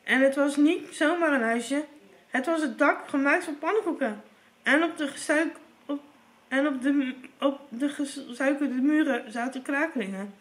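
A woman's voice: high-pitched, normal speed. A woman reading a fairy tale aloud, often stumbling and restarting. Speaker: storyteller.

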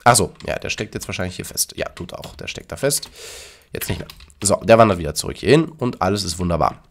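A man's voice: low voice, expressive, fast talker, slight background noise. A man casually commenting on his Minecraft build and explaining it to his viewers. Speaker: YouTuber demonstrating a Minecraft build.

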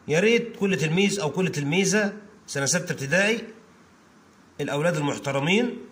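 A man with an Egyptian Arabic accent teaching an English lesson to children. He repeats phrases slowly, word by word, and often calls out to his pupils. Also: a little high, fairly bright tone.

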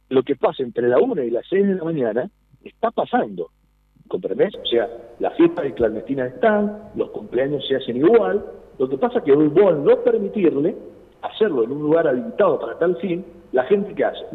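His voice is medium-pitched and slightly rough on a dry, tinny phone recording: a man in his thirties with an Argentine Spanish accent, speaking for a nightlife business. He earnestly explains a policy during a phone interview and asks listeners to agree.

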